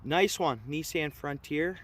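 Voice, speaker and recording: A slightly high-voiced man from Ontario, Canada, takes it slowly as he casually chats with his livestream viewers while fishing outdoors. He's relaxed and slangy, tossing out "dude," "man," and "bro," and clear outdoor ambience surrounds him.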